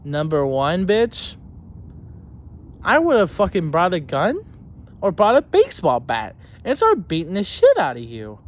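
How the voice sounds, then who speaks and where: Angry young man ranting, swinging pitch. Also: huge pitch swings, measured pace. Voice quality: rambling, swearing heavily, restarting sentences. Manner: heated and indignant, mocking in tone. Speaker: student telling a school story. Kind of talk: angry profane rant to camera.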